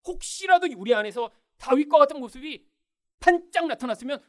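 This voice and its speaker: A man's voice: very high voice, animated, brisk, a little mellow. A man preaching a sermon, emphatic, often turning to the congregation with rhetorical questions. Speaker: pastor.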